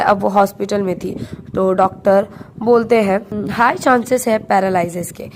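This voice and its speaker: A woman retelling a drama plot in a quick, chatty storytelling way, reading the characters' quoted lines in her own voice. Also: medium pitch, a little mellow, a little hiss or hum. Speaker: drama recap narrator.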